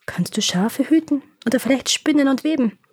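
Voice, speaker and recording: A woman voicing a wise, kindly old woman in a fairy tale, speaking softly and warmly hushed. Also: high-pitched, lively intonation, fairly quick, slightly rough, pitched above the performer's own voice.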